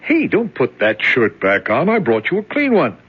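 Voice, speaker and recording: An actor in a 1970s radio drama, playing a chatty, falsely friendly jailer who fetches a prisoner. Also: male voice, medium pitch, huge pitch swings, normal speed, husky, exaggerated voice. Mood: breezy. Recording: dull old radio broadcast.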